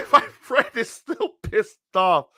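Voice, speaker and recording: Animated, laughing man telling stories. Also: high-pitched, dry recording, clean studio sound. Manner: animated, laughs a lot, swears freely. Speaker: podcast host. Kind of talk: storytelling on a podcast.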